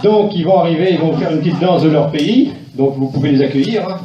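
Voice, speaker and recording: A man's voice: a little high, quick pace, dull audio. A man teasingly announcing a dance group to diners at a festive meal in a large hall. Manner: teasing, chatty, loose. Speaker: event announcer. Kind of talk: joking announcements at a party. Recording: echoey hall, voice far from mic, loud crowd. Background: noisy crowd of diners.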